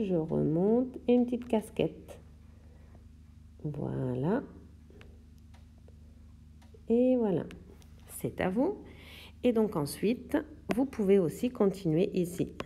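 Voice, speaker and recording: A woman teacher giving a slow, step-by-step handwriting lesson to young children, describing each stroke as she writes. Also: lowish voice, warm tone, slightly rough. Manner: slow, step-by-step instructions while writing. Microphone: tablet microphone.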